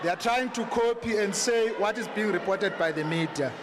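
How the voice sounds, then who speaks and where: At a town hall meeting in a large hall, a South African audience member who is treasurer of a local political branch makes a political speech from the floor of a public debate. His voice sits high, and he speaks haltingly, repeats words, and addresses people as comrades. He uses a handheld microphone held for him, and the hall PA sound is noisy and reverberant.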